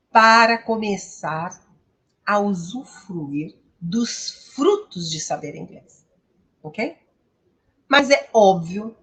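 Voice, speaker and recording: Her voice sits at a medium pitch with a fairly bright tone. Speaking with a Brazilian accent, she hosts and teaches English, pitching her instructional content emphatically and tossing in tag questions again and again.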